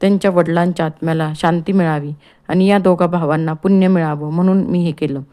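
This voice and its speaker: A woman reads out a shaken old orphanage manager from a storybook, begging to be understood in a low, mellow voice. He sounds pleading and anxious. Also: steady tone, a little fast, natural voice.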